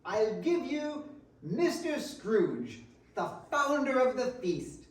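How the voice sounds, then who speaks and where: Meek, kindly father, played by a woman; slow, gentle, placating, heard from afar in a reverberant room. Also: fairly high pitch, sing-song. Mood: earnest. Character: meek, kindly husband and father proposing a toast. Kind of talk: readers theater acting. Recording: very echoey room, distant mic.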